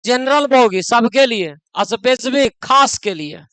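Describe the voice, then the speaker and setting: Man, grammar teacher, very high voice, dry close sound, classroom lecture. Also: expressive, a little slow, fairly bright tone, clear, resonant tone, no echo, low-quality recording. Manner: scolds students in local dialect between explanations.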